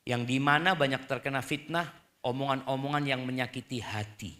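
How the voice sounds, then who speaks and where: A middle-aged man preaching and answering questions, playing out little scenes in quick voices. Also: medium pitch. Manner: animated, acts out wives and husbands in quick asides. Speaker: Islamic preacher. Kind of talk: sermon answering audience questions.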